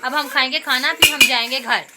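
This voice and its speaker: Woman vlogger, thirties, high pitch, casual running narration of family life. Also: steady tone, a little fast, heavy background noise. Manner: chatty, narrating family moments as they happen.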